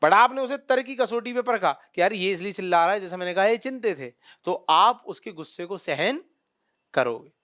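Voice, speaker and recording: High-voiced, bright male lecturer. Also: moderate pace. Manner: lively storytelling, addresses students directly. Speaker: teacher. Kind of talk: classroom lecture with acted-out anecdotes.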